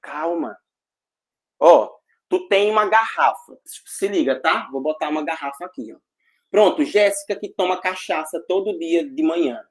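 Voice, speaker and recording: A man teaching a physics class online, energetic and jokey, full of slang and check-ins with the students. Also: fairly high pitch, moderate pace.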